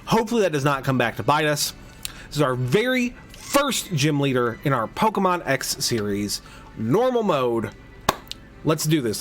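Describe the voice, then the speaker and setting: A man hosting a casual game playthrough, chatting and rambling through his moves with frequent restarts. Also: mid-range voice. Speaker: host of a game playthrough podcast. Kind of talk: casual let's play commentary.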